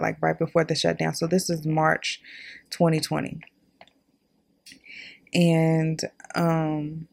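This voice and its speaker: A woman's voice: on the low side, gravelly, darkish tone. A young woman in her twenties hosting a podcast, telling her own story in a candid, chatty way and talking straight to her listeners. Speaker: podcast host. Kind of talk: casual personal storytelling.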